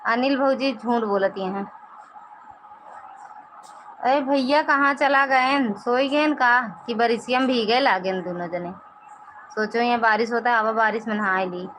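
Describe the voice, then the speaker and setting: A woman's voice: on the high side, unhurried, long pauses, a bit bright, a little hiss or hum, poor audio. Chatty Awadhi woman hosting a live stream. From Pratapgarh, Uttar Pradesh, India. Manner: chatty, reads viewer comments aloud, teasing. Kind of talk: casual live-stream chat.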